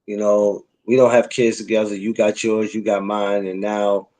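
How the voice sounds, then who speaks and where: A man's voice: lowish voice, level tone, normal speed, mellow. A man in his forties hosting a casual podcast, talking bluntly in streetwise slang and giving life advice in a preachy way. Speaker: podcast host.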